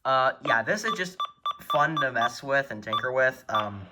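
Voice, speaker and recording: An animated man with a medium-pitched voice and moderate pace chats his way through a show-and-tell of his beloved weather radios. He's indoors at home, off screen behind a handheld camera, and the audio picks up faint noise and the click of buttons.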